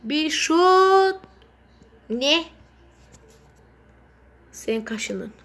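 High-voiced, excitable woman gaming streamer. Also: very slow. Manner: excitable, swearing, bursts of shouting at the game. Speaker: gaming channel host. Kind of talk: mobile game commentary.

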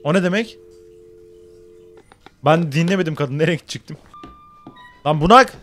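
A man giving excited gameplay commentary, loud and joking, swearing and talking back at the screen. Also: on the high side, moderate pace, faint music behind. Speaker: gamer.

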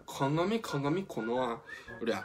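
A man with a Tsugaru dialect playing a vain, cold-hearted queen in a storybook reading, gruff and prone to loud bursts. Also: fairly high pitch, sing-song, very slow, exaggerated voice. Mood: musing. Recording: music playing behind.

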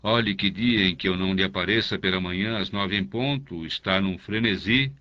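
A man's voice: low-pitched, moderate pace, dull audio, close to an everyday voice. A man voicing a pompous, self-satisfied older canon priest in an audiobook, speaking in a confidential, lingering way. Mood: smug. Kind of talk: audiobook character voice.

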